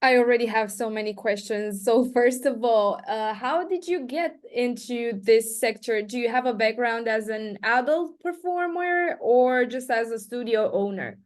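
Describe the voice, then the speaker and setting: A woman's voice: on the high side, unhurried, hardly any pauses. A woman asking questions as an interviewer in a conversational style.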